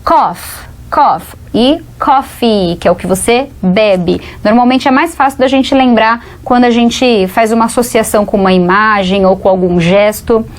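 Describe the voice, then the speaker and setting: Brazilian woman teaching English pronunciation. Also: fairly high pitch. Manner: slow, careful model pronunciations of English words. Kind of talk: TV English lesson for Portuguese speakers.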